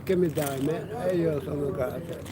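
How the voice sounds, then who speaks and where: A man's voice: a little high, moderate pace, a crowd in the background. A man in his sixties with an Albanian accent, a non-native speaker chatting on the street in broken, fragmentary sentences. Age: 60s. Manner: broken Italian in short fragments. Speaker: street passerby receiving a charity gift. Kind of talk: casual street chat. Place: outdoor city street. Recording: noisy outdoor city street with traffic.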